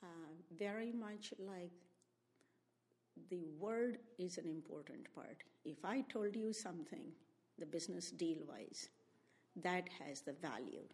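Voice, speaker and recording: In a public library room, a woman in her seventies from India, speaking with an Indian accent, recalls her family's story for an oral history interview. Her fairly low voice is expressive, a little slow, and a little mellow. She is reflective and spells out names letter by letter.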